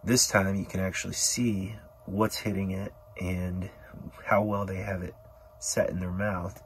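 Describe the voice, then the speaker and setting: A man with a low, gravelly voice narrates his ice fishing inside a small shelter on a frozen lake. He talks in a relaxed way and chats to the fish as he handles them. A faint hiss of noise sits under his voice from the camera mic. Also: a little slow. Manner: relaxed, talks to the fish, drops to a hushed whisper when excited. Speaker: outdoor vlogger. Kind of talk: casual solo fishing commentary.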